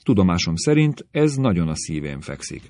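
A man's voice: sits low, big pitch swings, warm tone, dry recording, clean studio sound. A man reading a sly, ingratiating young officer. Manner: ingratiating, guarded.

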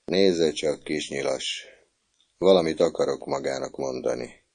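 A kind older student speaks calmly and softly to a younger boy, as a deep-voiced male narrator reads him. The voice stays low, dark and quiet. It sounds like a storybook read aloud. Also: vocal fry, husky, full character voice. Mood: gentle. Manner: gentle and soft-spoken.

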